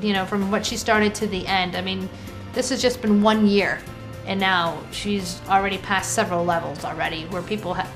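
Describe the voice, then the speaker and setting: Woman chatting about her friend, playful and animated, mid voice. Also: mid-range voice, low-quality recording. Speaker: friend of interviewee. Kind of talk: casual interview talk.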